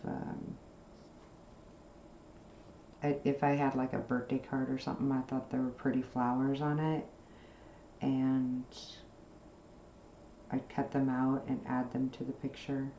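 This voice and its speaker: Low, slow-talking woman chatting while sewing. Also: little pitch movement, roomy sound, dull audio, a little hiss or hum. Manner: rambling, soft-spoken, with frequent fillers. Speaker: craft channel host. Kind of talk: casual chat while sewing.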